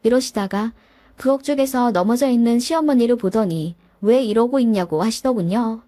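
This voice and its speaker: A woman's voice: on the high side, moderate pace, dark tone, dry recording. A woman narrating a first-person story with a dramatic, emotional telling.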